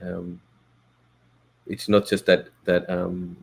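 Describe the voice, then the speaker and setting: A man's voice: deep voice, completely flat delivery, slow pace, creaky, husky. A man from Finland, a Finnish speaker, talking in a podcast interview as a guest, thoughtful and hesitant with many fillers and restarts. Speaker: guest, photo editor.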